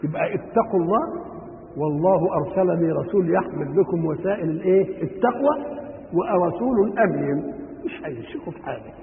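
A man's voice: high voice, lively intonation, fairly quick. A man with an Egyptian accent giving a Quran commentary lesson, who keeps asking questions and answering them himself. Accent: Egyptian Arabic. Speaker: religious teacher. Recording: tinny lo-fi recording with long hall reverb.

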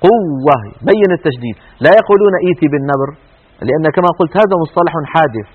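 A man teaching Quran recitation rules in a televised lesson, explaining step by step and demonstrating with drawn-out recited words. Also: a little high, lively intonation, breathy edge, phone-quality sound.

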